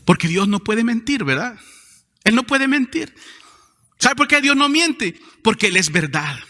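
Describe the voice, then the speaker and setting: Pastor, male, fiery sermon delivery, pitched high, in a reverberant church hall. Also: big pitch swings, a little slow. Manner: emphatic preaching with sharp rises in pitch and volume.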